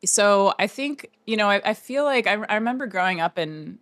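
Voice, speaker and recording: A painter in her thirties from Oregon, United States, tells family stories as a guest in a casual interview, rambling and packing in fillers. Her medium-pitched voice is animated, fairly quick and a bit bright, in a dry, clean studio recording.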